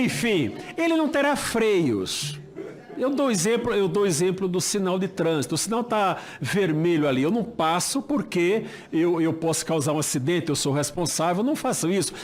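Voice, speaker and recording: A high-pitched older Brazilian man, formerly a judge, speaks at a senate hearing with slight background noise in the recording. His political speech is impassioned and emphatic, marked by rhetorical questions and repeated phrases.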